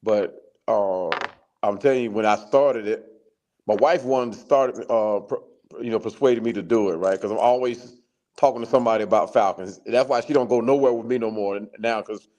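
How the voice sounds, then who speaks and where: A man's voice: fairly low pitch, fairly quick, a little mellow, dull audio. Earnest guy guesting on a fan stream, rambles, repeats stuff. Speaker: guest content creator. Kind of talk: casual sports talk.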